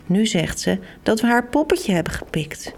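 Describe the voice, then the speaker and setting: A young adult woman hosting and reading a children's book aloud as a lively storyteller who gives the characters' lines their own voices. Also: medium pitch, normal speed, vocal fry, a little hiss or hum. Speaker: host and storybook reader.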